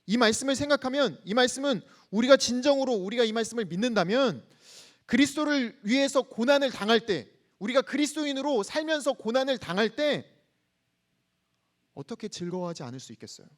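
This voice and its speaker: Preaching to a campus congregation, a man in his thirties reads scripture aloud with them and shares a personal story. His voice is very high-pitched, soft and hushed, yet expressive and brisk.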